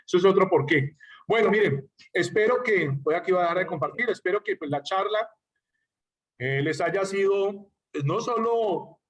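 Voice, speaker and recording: Male writing teacher, higher voice, online lecture, mic a bit distant. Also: animated, normal speed, a bit bright, highs cut off. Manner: explains patiently with spoken examples, checks in with "¿ya?".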